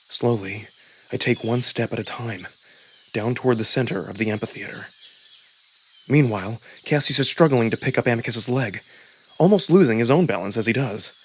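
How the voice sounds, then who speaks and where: Over background music, a male voice performer recounts a visual novel from his own first-person view, dramatic and absorbed in the tale. His pitch is medium and his tone fairly bright, with a touch of background noise.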